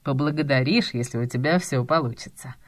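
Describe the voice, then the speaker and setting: A woman reading an audiobook, voicing a dry, teasing middle-aged male publishing boss with a lowered, drawn-out delivery. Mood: wry teasing.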